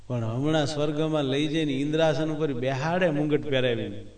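A man's voice: on the high side, brisk, a little mellow. A man giving a devotional discourse in a conversational way, often checking with listeners whether they understand. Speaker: religious speaker. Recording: echoey room, far from mic.

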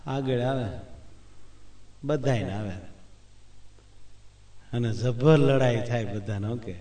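A man's voice: medium pitch, slow, warm tone. A man giving a devotional discourse in a conversational way, often checking with listeners whether they understand. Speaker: religious speaker. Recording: echoey room, far from mic.

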